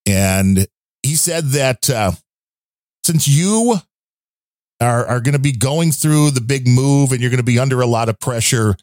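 A man's voice: medium pitch, lively intonation, measured pace, darkish tone, no room sound, clean studio sound. A man co-hosting a podcast, reading out listener donations in casual, rambling chat with wry asides. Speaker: podcast co-host.

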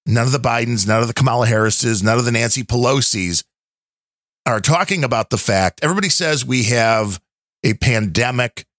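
A man hosts a casual podcast chat at a middling pitch. His delivery is lively, with plenty of rise and fall, and it is recorded close and dry with no room sound. He builds loose, skeptical explanations as he talks. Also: no echo. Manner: conversational, skeptical, wandering explanations. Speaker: podcast host.

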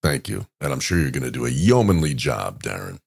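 A man with an extremely deep, gravelly voice and a husky edge, co-hosting a podcast. He chimes in with short, dry remarks, and his pitch rises and falls in lively swings. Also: brisk. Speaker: podcast co-host. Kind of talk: casual chat.

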